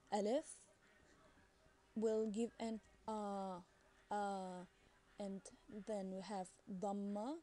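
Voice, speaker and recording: A woman talks through a beginner's language lesson. Her voice is mellow and warm, and she explains patiently. She often pauses on fillers and restarts her sentences. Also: mid-range voice. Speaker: Arabic language teacher. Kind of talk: casual recorded lesson.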